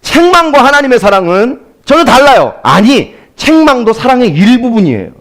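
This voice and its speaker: A man's voice: very high-pitched, very animated, normal speed, fairly bright tone. A man preaching a Sunday sermon as pastor, speaking directly to his congregation.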